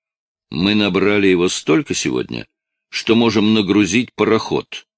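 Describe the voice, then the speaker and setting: Male reader doing a curt mocking detective, deep gravelly voice, dry read. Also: sing-song, normal speed, no echo.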